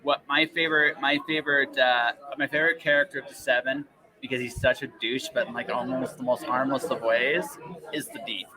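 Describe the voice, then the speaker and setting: Hosting a casual podcast interview, a man talks fairly quickly in a medium-pitched voice that stays steady in tone yet sounds pushed and bright. He is emphatic and tends to repeat words and phrases for stress, and the recording is rough.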